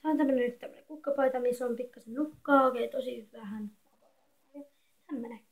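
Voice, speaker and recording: A thirteen-year-old girl chatting quietly and rambling in a casual home vlog, filmed on a phone in an echoey bedroom. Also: a little high, vocal fry. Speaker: vlogger. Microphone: phone camera.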